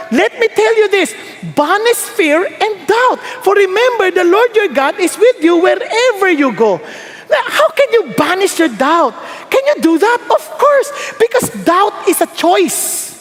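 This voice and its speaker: Man, Filipino accent, pastor, sermon, high and lively voice, joking, long reverb. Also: unhurried. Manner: animated, joking, self-mocking. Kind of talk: sermon mixing Tagalog and English.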